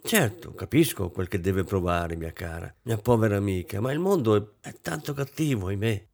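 A man's voice: mid-range voice, animated, normal speed, a little mellow, close to an everyday voice. A man reading aloud voices a society lady guest, a woman who speaks in a sweet, syrupy way that hides spite. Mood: falsely sweet. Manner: mellifluous, falsely sweet.

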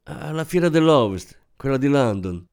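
A man's voice: mid-range voice, expressive, normal speed, vocal fry, darkish tone, clean tone, pitched above the performer's own voice. Man voicing a terse, guarded young woman. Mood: curt. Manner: curt, reluctant replies.

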